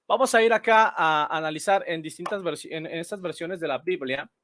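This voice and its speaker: A man's voice: fairly high pitch, a little fast, fairly bright tone, no echo, clean studio sound. A man explaining Bible verses. He repeats key phrases and keeps checking in with his listeners as he reads translations aloud. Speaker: Bible teacher. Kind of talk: screen-share Bible study explanation.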